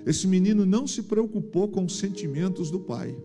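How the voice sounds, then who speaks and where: A middle-aged Brazilian man preaching a sermon in church with emphatic, animated delivery. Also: high voice, normal speed, over music. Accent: Brazilian Portuguese. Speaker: pastor.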